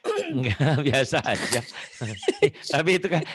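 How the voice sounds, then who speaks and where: A man's voice: a little high, wildly swooping pitch, slow pace, fairly bright tone, breathy edge, no room sound. A man teaching a Quran reading lesson over a video call, patient and chatty, singing verses to correct his student and laughing often.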